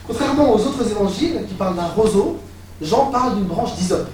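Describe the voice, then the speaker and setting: Guy preaching a sermon, gets all fired up, voice kinda high, bouncing around a big echoey room w faint noise. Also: brisk. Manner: animated, builds to excited exclamations. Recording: echoey hall, voice from far off.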